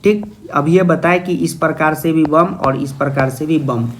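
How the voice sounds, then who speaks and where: High-voiced playful Sanskrit tutor. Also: male voice, moderate pace. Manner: playful, jokey, asks questions then answers in a student's voice. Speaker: Sanskrit teacher. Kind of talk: exam-prep video lesson.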